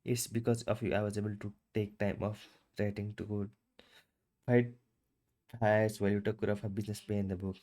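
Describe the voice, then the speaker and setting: A man reading a book aloud for his channel, in a halting, stumbling way with restarts. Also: on the low side, level tone, mellow.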